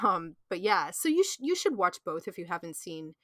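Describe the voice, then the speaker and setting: A woman's voice: on the low side, very animated, normal speed, bright, forceful tone, no room sound, clean studio sound. A woman co-hosting a podcast in casual, enthusiastic chat, with lots of "like" and "um". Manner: enthusiastic, chatty, filler-heavy. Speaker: podcast co-host.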